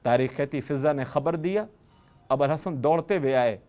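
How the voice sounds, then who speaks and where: A male religious speaker tells a sacred story as an emotional sermon. His voice sits a little high, and he pushes up sharply in pitch and force at the moving moments. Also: a little mellow, clean tone, faint music behind. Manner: impassioned, with dramatic rises on lists and key phrases.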